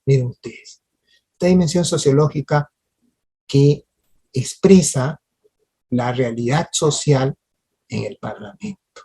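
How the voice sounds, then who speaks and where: At a parliamentary training workshop, a lecturer speaks slowly and expressively to the audience, leaving long pauses, in a medium-pitched voice that's warm, creaky and husky. They use tag questions to engage listeners and hesitate often, restarting mid-phrase and repeating words.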